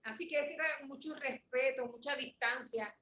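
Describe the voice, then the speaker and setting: A woman in her forties tells an emotional story as an interview guest, her voice high and bright. She talks in an animated way and repeats phrases for emphasis. The room is echoey, with a faint hiss of noise behind her. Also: normal speed.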